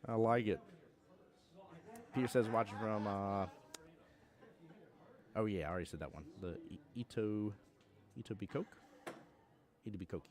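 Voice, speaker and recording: A man's voice: fairly low pitch, moderate pace, long pauses, a little mellow. A young man from Georgia with a Southern accent, commentating a pool tournament on a live stream and chatting with viewers in a joking, laid-back way. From Georgia, USA. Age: young adult.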